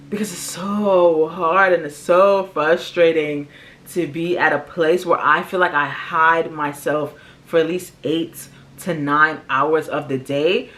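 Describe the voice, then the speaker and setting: An American woman vlogger in her early thirties talks candidly to her viewers, reflecting casually on her life in slangy, conversational language. Her voice is low-pitched with a fairly bright tone.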